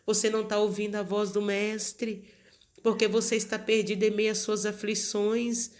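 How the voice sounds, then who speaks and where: A woman's voice: medium pitch, little pitch movement, normal speed, a little mellow. A woman with a Brazilian Portuguese accent preaching a sermon, earnest and repetitive, often calling her listeners beloved.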